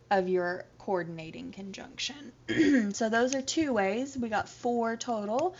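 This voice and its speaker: Woman teacher, chatty recorded lecture, muffled lo-fi audio. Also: medium pitch. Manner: chatty, explains step by step with examples. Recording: dull lo-fi audio.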